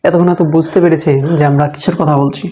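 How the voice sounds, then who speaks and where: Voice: medium pitch, level tone, very fast, mellow. A Quran reading teacher giving a step-by-step recitation lesson, patiently repeating each letter sound aloud.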